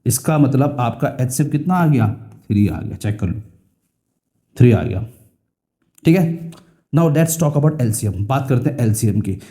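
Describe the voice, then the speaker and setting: A man's voice: mid-range voice, animated, measured pace, pauses often, warm tone. A young man with an Indian English accent teaching a school math lesson, repeating key phrases and asking and answering his own questions.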